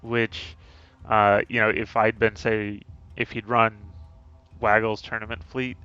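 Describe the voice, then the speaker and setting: Male game streamer, low-pitched, casual strategy chatter, thinks aloud with frequent fillers. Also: flat delivery, unhurried, pushed and bright, clear, resonant tone, muffled recording, soft background music.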